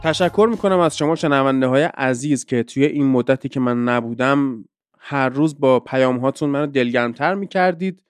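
A man's voice: medium pitch, clean tone, no echo, studio quality, soft background music. A man hosting a podcast, teaching English pronunciation in a conversational, explanatory way with lots of examples.

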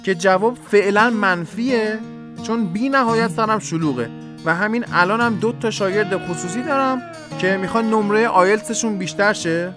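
Podcast teacher demonstrating English sounds slowly. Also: medium pitch. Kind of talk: podcast lesson on English pronunciation.

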